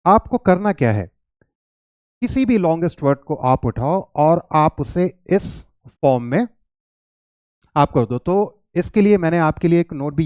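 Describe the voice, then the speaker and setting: A man with an Indian accent teaching English pronunciation to children, switching between English and Hindi and sounding out long words slowly. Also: a little high, a little mellow, clean tone, no echo. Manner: mixes English and Hindi, addresses viewers as children. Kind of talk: classroom-style lesson to children.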